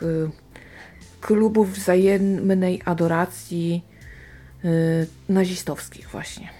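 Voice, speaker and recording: A woman from Silesia gives casual, unscripted book commentary, thinking aloud with hesitant, drawn-out pauses. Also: fairly low pitch, warm tone. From Silesia, Poland. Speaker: book reviewer.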